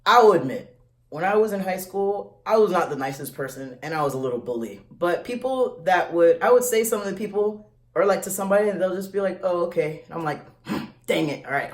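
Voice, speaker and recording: A man talking casually to viewers in a vlog, animated and blunt, full of slang and quick restarts. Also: sits high. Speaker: vlogger. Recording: echoey room.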